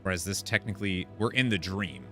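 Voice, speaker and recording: Over faint game music and sounds, a gaming content creator reads quest text aloud and thinks out loud in casual commentary. He has a deep voice, a little fast, bright and forceful in tone.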